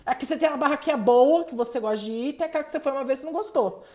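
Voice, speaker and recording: A woman's voice: sits high, rapid-fire, mellow. A Brazilian woman co-hosting a podcast, discussing film casually and repeating her points for emphasis. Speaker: podcast co-host.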